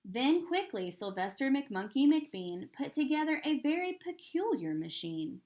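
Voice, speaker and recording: Very animated woman reading a children's storybook. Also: sits high. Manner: theatrical, with stressed rhythm and drawn-out words. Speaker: storybook reader. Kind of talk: expressive read-aloud of a rhyming children's book.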